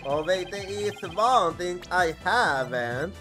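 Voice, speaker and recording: A man's voice: high voice, animated, slow. A man streaming a game, thinking aloud and musing to himself as he plays. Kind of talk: casual gameplay commentary. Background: game music.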